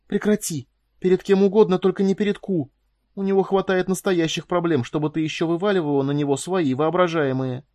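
A man's voice: fairly high pitch, brisk, darkish tone, no echo, clean studio sound, voice pushed up, natural voice. A man reading an audiobook, voicing a frightened, emotional young woman who pleads and cries out. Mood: distraught.

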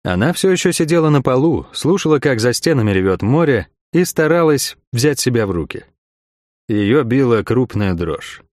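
A man's voice: medium pitch, sing-song, normal speed, darkish tone, dry recording. Male audiobook narrator, dry close sound. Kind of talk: scripted fantasy narration.

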